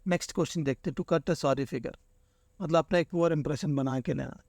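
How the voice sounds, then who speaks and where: A man's voice: on the high side, brisk, darkish tone, no room sound, clean studio sound. A man teaching an exam-prep lesson, walking through answer options and explaining each with everyday examples. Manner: explains with everyday examples, keeps saying "theek hai".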